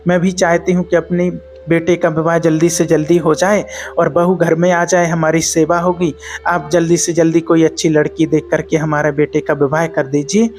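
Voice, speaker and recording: A man voicing a quarrelsome merchant's wife in a story, with sharp, dismissive retorts. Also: on the high side, level tone, normal speed, faint music behind, close to an everyday voice. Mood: eager. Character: quarrelsome merchant's wife, middle-aged woman.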